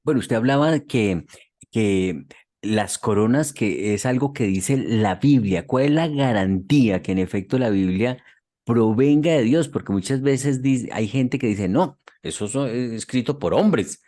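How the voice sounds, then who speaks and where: A man with a Colombian accent hosting a radio interview, asking measured questions. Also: mid-range voice, lively intonation, mellow. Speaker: radio host.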